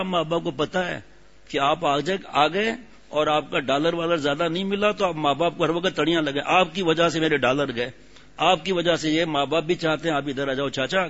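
A man preaching an informal sermon, telling stories in a conversational, scolding and joking way and reciting verses slowly. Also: on the high side, a bit bright. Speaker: religious preacher. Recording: dull lo-fi radio recording.

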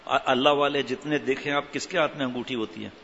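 A male preacher telling stories in a sermon, animated and humorous while stressing strict religious rulings. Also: medium pitch, slight background noise. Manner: animated, mixes humour with stern religious rulings. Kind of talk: storytelling sermon. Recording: reverberant hall, dull lo-fi sound.

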